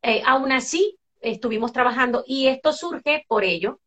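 Venezuelan lady, middle-aged, guest chatting away, bit high voice, lots of "eh" and restarts. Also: moderate pace. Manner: animated storyteller, many fillers and restarts. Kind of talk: casual conversational interview.

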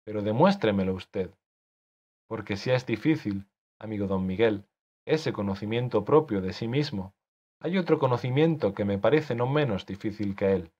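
A man's voice: on the low side, animated, normal speed, a little mellow, slightly rough. A man reading an audiobook, voicing an anxious young man who pleads with and defies his author. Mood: pleading. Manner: pleading, agitated. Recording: dull lo-fi recording.

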